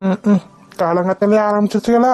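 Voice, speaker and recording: A woman's voice: mid-range voice, fairly even intonation, brisk, mellow, no room sound, studio quality, natural voice. A woman voicing a cheeky, idle young man in a cartoon comedy, mocking his grandmother. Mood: exasperated.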